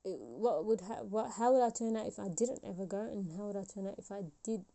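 An expressive woman in her twenties speaks fairly quickly on her solo podcast, her mellow mid-range voice touched with vocal fry. She reflects aloud, rambling with many fillers and restarts.

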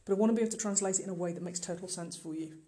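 Here a middle-aged host of a solo podcast, who also owns an online marketing business, speaks informally and emphatically right to his audience. The delivery is very fast and earnest, in a mellow mid-range voice.

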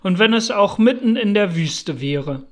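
A man's voice: sits high, lively intonation, unhurried. A man voicing a zealous, strict young male pilgrim who speaks in a fervent, preaching tone. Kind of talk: audiobook character voice.

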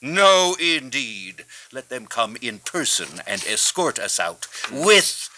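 An actor playing a bold apostle in prison, forceful and preaching. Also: male voice, mid-range voice, very animated, takes it slowly, slight background noise, full character voice. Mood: indignant. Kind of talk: radio drama acting.

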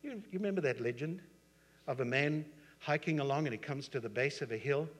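A male pastor preaching a sermon, telling stories emphatically and swinging from soft to loud. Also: medium pitch, brisk. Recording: husky voice in long hall reverb.

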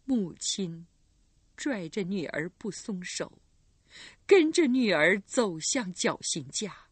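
Casting: woman audiobook narrator, husky, dry close sound. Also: medium pitch, no echo. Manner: slow, expressive storytelling.

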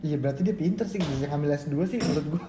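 A woman's voice: deep voice, very fast, a loud crowd. A woman with a Jakarta accent co-hosts a casual group chat in Jakarta slang. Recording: echoey room, other voices chattering.

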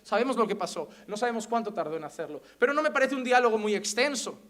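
High-voiced Spanish pastor preaching emphatically. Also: male voice, fast talker. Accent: Spain Spanish. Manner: emphatic, animated preaching with rhetorical questions. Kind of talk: sermon.

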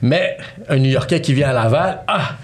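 An animated man in his thirties, his voice mid-range and his pace moderate, guests on a podcast to tell his life story. He speaks Quebec-accented French peppered with English slang, chatting casually as in a storytelling interview.

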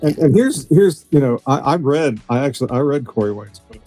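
A man's voice: medium pitch, expressive, fairly quick, dark tone, faint music behind. A man guest on a live stream, rambling, restarting his sentences and swearing casually. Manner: rambling, profane, restarts a lot. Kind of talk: casual group chat.

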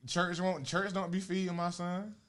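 Man, moderately high voice, casual debate, assertive, informal phrasing. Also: flat delivery, moderate pace, a loud crowd.

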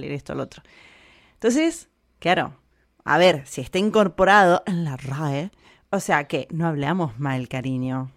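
Chatty Argentine woman vlogging. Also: low voice. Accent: Argentine Spanish. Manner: animated, talkative, opinionated, with frequent fillers. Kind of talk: casual chat to camera.

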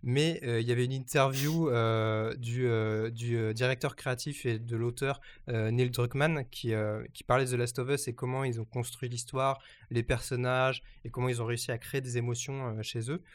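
A man talks through the week's news in a relaxed, unscripted way. He hesitates often and circles back to restart his sentences. His pitch sits in the middle range. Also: moderate pace. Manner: hesitant, many fillers and restarts. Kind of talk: casual news chat.

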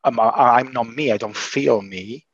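A man of middle pitch hosts a casual chat, talking slowly through a long recovery story with frequent false starts. His voice sounds a little altered by the illness. The recording is dry and somewhat dull. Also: fairly bright tone, no echo. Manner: hesitant, halting with many restarts. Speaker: podcast host.

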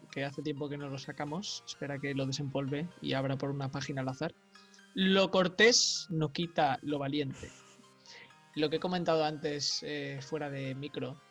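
Relaxed man, podcast co-host. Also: fairly high pitch. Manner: relaxed, jokey asides. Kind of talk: casual podcast chat.

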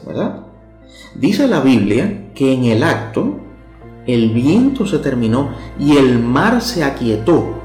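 A man preaching a short sermon in a conversational way, speaking straight to the listener and often asking them questions. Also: mid-range voice. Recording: echoey room with soft instrumental music.

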